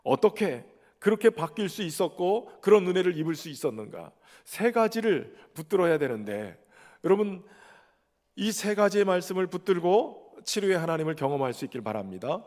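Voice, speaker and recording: A man's voice: sits high, big pitch swings, normal speed, darkish tone. A man preaching a sermon as pastor in a church sanctuary. He poses rhetorical questions and then answers them himself. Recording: long hall reverb.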